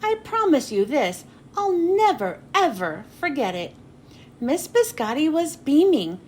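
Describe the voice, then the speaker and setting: Animated high-pitched woman reading a storybook. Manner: animated, dramatic pauses and drawn-out phrase endings. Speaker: children's book read-aloud host. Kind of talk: expressive storybook narration for young children. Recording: noticeable background noise.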